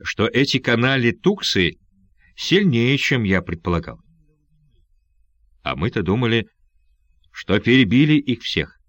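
A man voicing an earnest, commanding pirate leader in an audiobook, pitched above his reading voice. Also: very animated, unhurried, long pauses, fairly bright tone, no room sound. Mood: grave.

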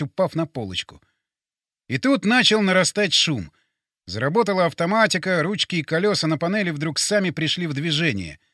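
Animated male audiobook narrator. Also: high voice, no room sound, clean studio sound. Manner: tense, urgent storytelling with sharp emotional swings. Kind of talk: first-person audiobook narration.

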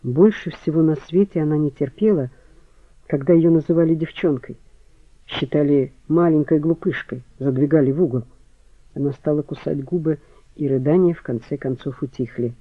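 A man reading an audiobook in scripted narration, with an even, measured delivery. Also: on the high side, dry recording. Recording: phone-like, dry.

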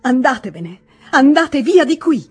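A woman's voice: very animated, unhurried, soft background music. A woman reading as a furious betrayed wife. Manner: shrill, furious outbursts. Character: angry betrayed wife, bitter and shouting.

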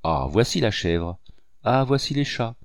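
A man's voice: on the low side, expressive, normal speed, a little mellow, no echo, clean studio sound. A man reading an impulsive, emotional young wife. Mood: excited. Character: agitated young married woman, impulsive and emotional.

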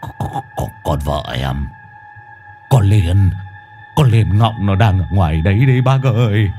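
A man's voice: lowish voice, lively intonation, unhurried, dark tone, soft background music. A man voicing a terrified, cowardly young husband who stammers and pleads. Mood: panicked.

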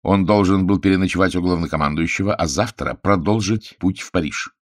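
A man's voice: sits low, fairly quick, no echo, clean studio sound. A man voicing a grave, worried senior statesman in an audiobook, formal and solemn.

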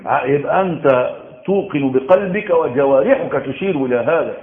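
An Egyptian man delivers a sermon in an animated, storytelling manner, and his voice sits a little high for a man. The sound is tinny and phone-like. It also carries a roomy echo. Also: a little fast. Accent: Egyptian Arabic. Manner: animated storytelling, acts out quoted voices with sudden loud shouts. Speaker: preacher. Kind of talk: Quran commentary sermon. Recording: echoey room over a tinny phone-like line.

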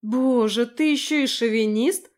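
Woman reader doing a brash young woman, sarcastic, teasing, high voice, audiobook. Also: unhurried, darkish tone, natural voice. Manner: teasing, mocking. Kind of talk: audiobook character voice.

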